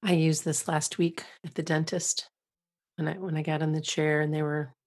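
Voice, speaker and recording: Low-pitched woman with a husky voice. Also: level tone, normal speed, darkish tone. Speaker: podcast host. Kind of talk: calm self-help podcast talk with guided breathing instruction.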